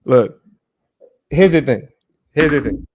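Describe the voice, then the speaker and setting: A man's voice: mid-range voice, animated, slow pace, darkish tone, slightly rough. A man hosting a casual debate recap, talking conversationally and often checking in with "right?" and "you know what I mean". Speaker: show host.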